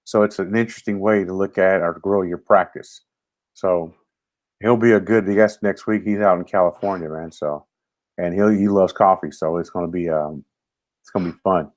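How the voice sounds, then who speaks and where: A middle-aged man co-hosts a casual show from home over a video call, chatting in a low, steady voice at normal speed. He's relaxed and jokey and tends to trail off into a mumble.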